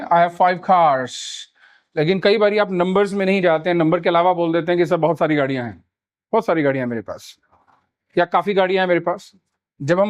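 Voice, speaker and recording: Man, high voice, grammar lesson, slow spelled-out example sentences. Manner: slow, deliberate model sentences and frequent "yes" check-ins. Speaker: English teacher. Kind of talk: spoken grammar lesson in Hindi with English examples.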